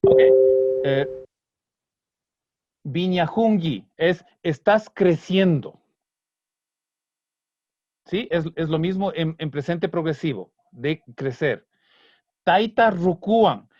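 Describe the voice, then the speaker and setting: A man teaching an online Kichwa language class, patiently breaking down song lyrics and slowly repeating words. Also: fairly high pitch, darkish tone, dry recording. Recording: dry, slightly dull online class audio.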